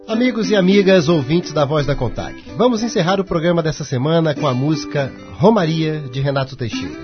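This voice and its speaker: A man's voice: fairly high pitch, lively intonation, brisk. Male radio host over music. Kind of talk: radio sign-off. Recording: dull lo-fi radio sound with music behind.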